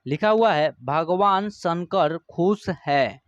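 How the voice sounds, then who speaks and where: A man teaching Hindi reading online. He sounds out words syllable by syllable and then explains the rule in quick bursts. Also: a little high, no echo, highs cut off. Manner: addresses viewers as friends.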